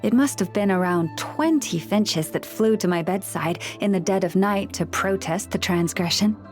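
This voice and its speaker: Sounding amused, a woman voices a gentle young game character, the Moon Chanter, offering calm, earnest, measured counsel to people and animals. Her mid-range voice stays near everyday speech while soft music plays behind her.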